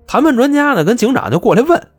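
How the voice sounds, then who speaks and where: A male storyteller, chatty and wry in a colloquial way. His husky voice swings through a wide, animated range, with faint music playing behind. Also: very high voice, fast. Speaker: storyteller host. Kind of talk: comic crime storytelling.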